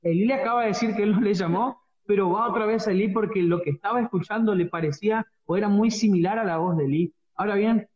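A man's voice: high-pitched, fast talker, few pauses. A man with a Rioplatense Spanish accent co-hosting a devotional radio talk, preachy and repeating phrases for emphasis. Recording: dull radio audio with roomy echo.

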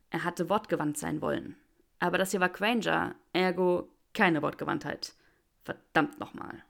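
A woman reads a fan story aloud with calm, measured storytelling. Her voice is lower than most and carries a gravelly texture. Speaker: narrator.

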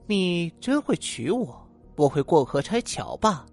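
A man's voice: fairly high pitch, expressive, normal speed, faint music behind. A man voicing a sly, scheming young woman in a told ghost story, with a mocking, coaxing way of talking. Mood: coy, scheming.

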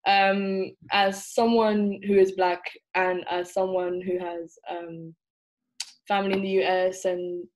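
Young woman from England, student guest, thoughtful and halting, on a call. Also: fairly low pitch, flat delivery, low-quality recording. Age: young adult. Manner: thoughtful, many fillers and restarts. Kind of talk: casual conversation.

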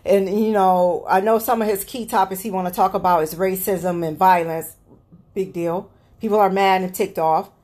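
A woman's voice: mid-range voice, steady tone, moderate pace, a little mellow. A woman hosting her own podcast, ranting bluntly about politics with plenty of swearing and an exasperated manner. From Cleveland area. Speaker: podcast host. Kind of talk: solo political rant podcast.

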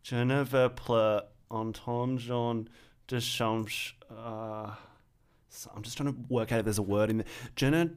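A man co-hosting a podcast in casual chat, teasing and expressive, quick to joke. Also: medium pitch, clear, resonant tone. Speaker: podcast co-host.

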